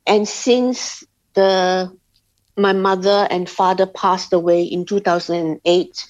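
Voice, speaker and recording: Sharing her own faith journey as a guest on an interview, a woman from Singapore stops, pauses, and starts over often. She has a lowish, steady voice, captured in slightly dull lo-fi sound.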